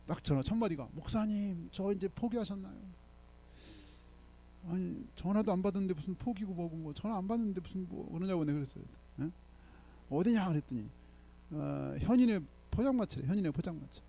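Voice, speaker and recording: An older man preaches a storytelling sermon in a church sanctuary, speaking fast and with animation in a high, gravelly voice that is warm but slightly rough. He chats with the congregation as he goes, often throwing in "예?"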